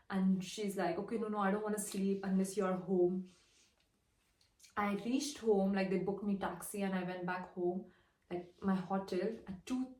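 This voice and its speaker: A young woman in her twenties from India, with an Indian English accent, chatting casually as she tells a story and acts out the dialogue. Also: mid-range voice. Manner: chatty, retells dialogue with "I'm like". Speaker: fashion model. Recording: roomy, distant mic.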